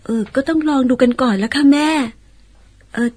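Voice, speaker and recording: A woman acting in an old-style radio drama as a gentle, polite young daughter who coaxes and explains patiently. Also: sits high, normal speed, lightly acted. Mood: gentle coaxing. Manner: coaxing, polite, carefully explaining.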